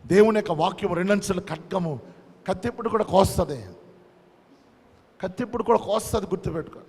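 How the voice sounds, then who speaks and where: A man's voice: high voice, fairly quick, a little mellow, breathy edge, long reverb tail. A male pastor preaching a sermon with emphatic repetition, switching between his own language and short English phrases.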